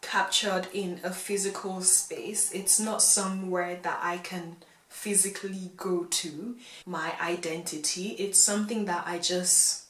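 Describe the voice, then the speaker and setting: This casual vlog features a young British-Nigerian woman speaking straight into a front camera, head and shoulders against a grey indoor wall. She's lively and talkative, using her hands and laughing a lot, with a lowish voice and a roomy acoustic.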